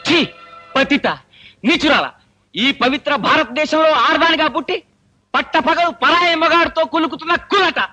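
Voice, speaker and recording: A man's voice: very high voice, normal speed, bright, forceful tone, soft background music, exaggerated voice. An actor playing a self-righteous male burglar in a film comedy scene. He lectures his victims in a solemn, preachy tone. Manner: preachy, mock-solemn sermonizing. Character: sanctimonious male burglar who lectures people.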